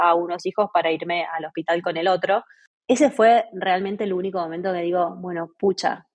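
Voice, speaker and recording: A woman's voice: lowish voice, husky. A woman in her forties with an Argentine accent, a podcast guest talking freely and telling stories with many restarts. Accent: Argentine Spanish. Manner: chatty, many restarts, lively storytelling. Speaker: interview guest. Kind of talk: casual podcast conversation.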